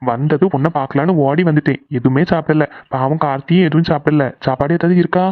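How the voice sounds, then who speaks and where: A low-pitched young husband in a cartoon soothes his frightened wife with quick, teasing words, as a woman voices him. The sound is tinny and phone-like. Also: steady tone, dry recording, close to an everyday voice. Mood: reassuring. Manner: reassuring, teasing. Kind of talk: cartoon voice acting.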